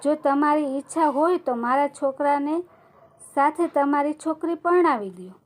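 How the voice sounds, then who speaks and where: A woman's voice: high voice, normal speed, lightly acted. A woman voicing an earnest old Brahmin man persuading another father to give his daughter in marriage. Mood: persuasive.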